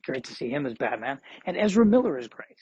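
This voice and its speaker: Guy in his 40s rambling thru a solo podcast, pokes fun at himself, average pitch, bit of faint hiss. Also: big pitch swings, quick pace, a little mellow, muffled recording. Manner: rambling, self-deprecating, chatty. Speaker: podcast host. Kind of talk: casual solo podcast monologue.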